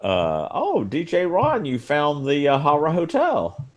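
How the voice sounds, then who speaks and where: A man's voice: on the high side, wildly swooping pitch, measured pace. A man co-hosting a podcast, telling rambling stories in casual banter with lots of fillers. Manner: rambling storyteller, frequent fillers. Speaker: podcast co-host.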